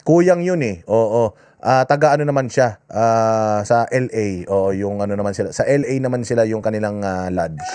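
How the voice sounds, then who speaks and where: A man's voice: fairly low pitch, normal speed, dark tone. A man talking casually to his viewers, mixing jokes and mock outrage with mild curses in his political commentary.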